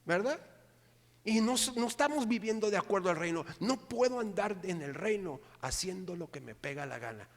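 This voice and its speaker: A middle-aged man, preaching a sermon with animated delivery and often asking the congregation for agreement. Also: a little high. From Mexico. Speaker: pastor. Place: church hall. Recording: long hall reverb.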